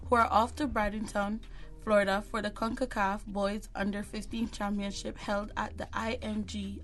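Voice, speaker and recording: A woman's voice: mid-range voice, poor audio. A woman with a Caymanian accent reading youth achievement announcements from a script, with a few small slips.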